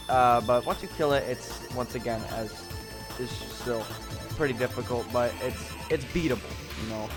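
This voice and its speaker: A young man casually ranking game bosses at home, rambling with lots of fillers and restarts, a bit out of breath. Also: a little high. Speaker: gaming youtuber.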